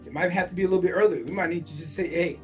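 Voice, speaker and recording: A podcast host in his forties talks very fast in a high voice, with faint music in the background. He reads a news article aloud, stopping often to react in casual asides full of fillers.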